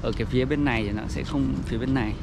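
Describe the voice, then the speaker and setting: A man with a medium-pitched voice chats casually as he walks through a town as a travel vlogger. His delivery is halting as he searches for words. Loud street and vehicle noise runs behind him. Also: steady tone. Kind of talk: casual walking-tour commentary. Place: outdoors, walking through a town.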